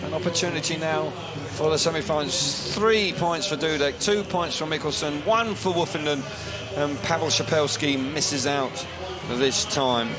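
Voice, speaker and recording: High-pitched male motorsport commentator over music. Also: moderate pace. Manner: excitable, rising with the action. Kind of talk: live speedway race commentary.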